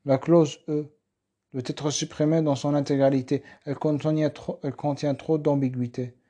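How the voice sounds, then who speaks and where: A curt, threatening male writer, as a male reader puts him on in an audiobook. He presses hard and talks a little high. The tone stays mellow and unhurried. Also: flat delivery, slightly rough. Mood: cold. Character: angry male writer with power saw.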